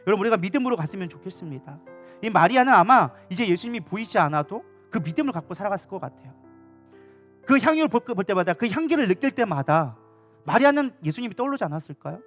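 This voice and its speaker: Fast-talking high-voiced male pastor preaching. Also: sing-song, fairly bright tone, faint music behind. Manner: passionate, conversational preaching. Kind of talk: sermon. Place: church sanctuary during a Wednesday evening service.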